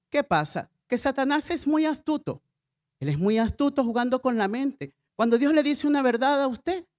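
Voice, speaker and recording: A woman's voice: fairly high pitch, a little mellow. A middle-aged woman pastor preaching a sermon with emphatic repeated refrains and call-and-response to the congregation.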